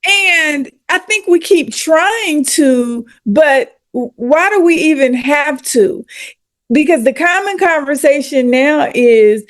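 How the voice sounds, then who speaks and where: A woman co-hosts a podcast with a high, light voice. She speaks slowly and in a measured way, often affirming her co-host. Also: animated. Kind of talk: conversational chat.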